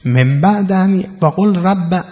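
A man giving a sermon to an audience, explaining scripture word by word, swinging from loud emphasis to low asides. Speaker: religious lecturer. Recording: dull lo-fi recording in a reverberant hall.

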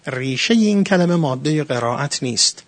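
A middle-aged man teaches in a religious lecture, his voice sitting a little high. He speaks earnestly and emphatically, now and then rising sharply and drawing out key phrases slowly. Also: animated. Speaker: Quran lecturer.

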